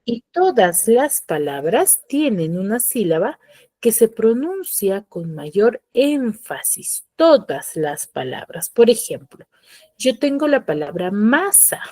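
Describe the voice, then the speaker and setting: A woman's voice: a little high, sing-song, takes it slowly, darkish tone, dry recording, low-quality recording. A woman teacher, lecturing in an online class, explaining patiently, repeating key terms and checking that the students follow. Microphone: computer mic on a video call.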